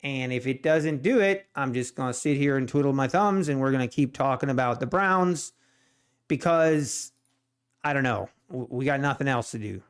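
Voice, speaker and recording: A smooth, mid-range voice at normal speed belongs to an Ohio man with a Swiss German accent hosting a casual day trading live stream. He rambles, repeats himself and restarts constantly as he rants in exasperation.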